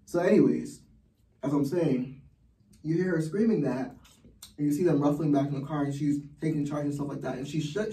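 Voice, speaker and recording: A man's voice: fairly high pitch, dark tone, distant mic. A man giving heated, blunt personal commentary as a vlogger, swearing often. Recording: roomy echo, from the mic.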